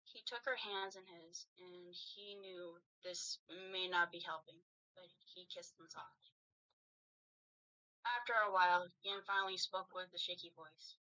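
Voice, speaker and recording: A woman host reading fanfiction aloud with lively narration. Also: lowish voice, measured pace. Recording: dull lo-fi recording.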